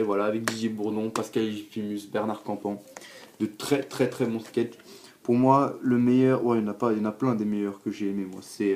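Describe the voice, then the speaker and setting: A young man talks through his DVD shelf in a loose, rambling way, stacking up fillers and repeating himself as he goes. The recording is home-made, with clear background noise under his voice. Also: lowish voice. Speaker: collector showing his DVDs. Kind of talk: casual spoken review.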